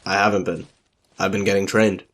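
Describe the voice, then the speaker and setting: A man's voice: low voice, fairly even intonation, a little fast, a bit bright. A man voicing a meek, self-doubting young recruit who speaks in a subdued, sad way.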